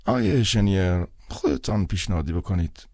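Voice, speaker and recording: A man's voice: deep voice, mellow, breathy edge, dry recording, clean studio sound, voice pushed up. A man reading aloud and voicing an old, cold, stingy male director of a charity, haggling in a petty manner. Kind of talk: audiobook character voice.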